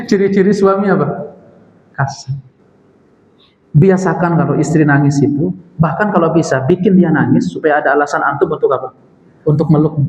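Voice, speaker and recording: A man's voice: on the high side, a little mellow. A man with an Indonesian accent teaching Quran exegesis in a mosque study circle. He recites Arabic text and keeps asking the audience questions that he answers himself. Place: mosque hall. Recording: echoey mosque hall.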